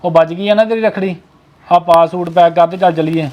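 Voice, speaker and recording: Brief: high-pitched man, sharp and demanding, family short-film acting. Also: steady tone, a little fast, dull audio, a little hiss or hum. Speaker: angry brother-in-law.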